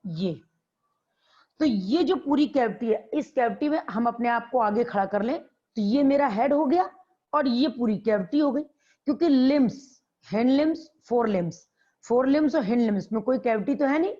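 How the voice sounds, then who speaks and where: A woman's voice: on the high side, animated, normal speed, warm tone. Woman biology teacher with a dull lo-fi sound. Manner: repeats key terms and quizzes students. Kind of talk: classroom lecture. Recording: dull lo-fi classroom recording.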